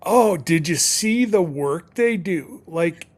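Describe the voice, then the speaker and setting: Slow, rambling man chatting casually. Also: a little high, animated. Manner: rambling, restarts often, slow and folksy. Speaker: co-host. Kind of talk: casual live-stream chat.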